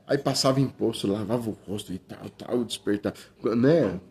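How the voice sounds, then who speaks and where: A man's voice: on the low side, normal speed, a little mellow, slightly rough. A middle-aged Brazilian man preaching an informal sermon in a conversational way, often calling listeners brother, with many restarts. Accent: Brazilian Portuguese.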